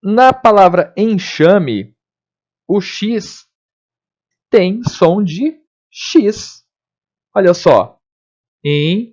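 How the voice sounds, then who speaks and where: A male teacher, speaking in a somewhat high voice. He explains lively and step by step, often pausing to check in with his students. The recording sounds dull and lo-fi. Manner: lively, explanatory, frequent check-ins with listeners. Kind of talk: recorded classroom lesson.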